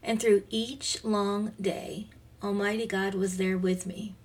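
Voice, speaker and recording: A woman in her fifties reading her devotional aloud as podcast host. She speaks gently and reflectively, sometimes dropping to a soft near-whisper. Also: mid-range voice, level tone, slow. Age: 50s. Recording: voice slightly distant from the mic.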